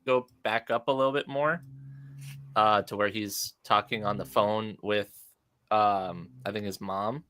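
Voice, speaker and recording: A man co-hosting a livestream, chatting loosely and excitably, breaking into laughs. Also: on the low side, a little slow. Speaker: co-host. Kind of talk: casual livestream chat.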